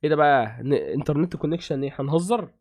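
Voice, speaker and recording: Man, Egyptian accent, gaming streamer, chatty rapid-fire commentary, slightly high voice, extremely quick talk. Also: animated, darkish tone. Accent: Egyptian Arabic. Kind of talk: casual game commentary.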